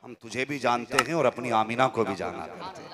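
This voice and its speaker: A man's voice: mid-range voice, expressive, brisk. A man preaching a devotional sermon, telling a story dramatically and rising to impassioned calls to the listeners. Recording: live event with a crowd audible.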